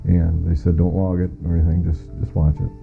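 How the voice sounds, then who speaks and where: On a muffled lo-fi track with soft music behind, a middle-aged American man delivers first-hand testimony at a fairly quick clip. His low voice is creaky and monotone. A former air traffic controller, he speaks plainly and matter-of-factly in the interview.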